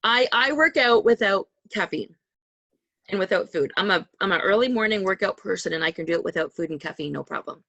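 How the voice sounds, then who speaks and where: A woman's voice: medium pitch, lively intonation, brisk, sharp tone, dry recording, muffled recording. A woman hosting a podcast over a call, talking in a chatty, rambling way and laughing often. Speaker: podcast host. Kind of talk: casual interview chat. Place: home call. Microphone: video call.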